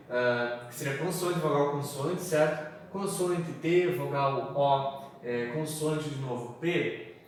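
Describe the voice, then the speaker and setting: Far from the mic, a man with a somewhat high voice teaches English from slides. He has a Brazilian Portuguese accent and a chatty style, regularly checking on students with "galera" and "tá?". Echo and faint background noise fill the off-mic recording.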